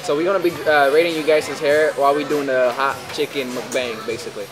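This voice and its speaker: A man vlogging casually from his car, animated and quick in bursts. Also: mid-range voice, music in the background. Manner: animated, talks fast in bursts. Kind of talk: casual vlog chat. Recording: noisy car vlog.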